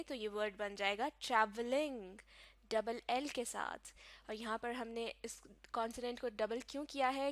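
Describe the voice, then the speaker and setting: A woman's voice: on the high side, no echo. A woman teaching English grammar in a recorded lecture, explaining patiently step by step and spelling words out letter by letter. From Pakistan.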